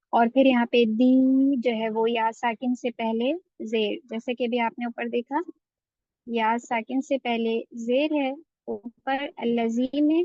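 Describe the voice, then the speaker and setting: A woman's voice: on the high side, no room sound, highs cut off. A woman teaching a Quran recitation lesson, explaining patiently and drawing out the recited words. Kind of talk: online tajweed lesson.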